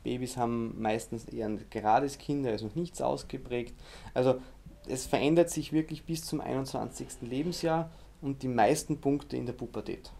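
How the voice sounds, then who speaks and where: A man, explaining face reading as an interview guest in a steady, instructive way. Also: mid-range voice, normal speed, creaky, a little hiss or hum. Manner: steady, instructive, many fillers.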